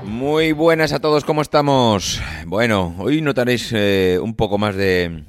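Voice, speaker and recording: A man with a Spain Spanish accent hosting a casual podcast monologue, hoarse and nasally congested from a coming cold, rambling with many hesitations. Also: medium pitch, unhurried, music in the background. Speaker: podcast host.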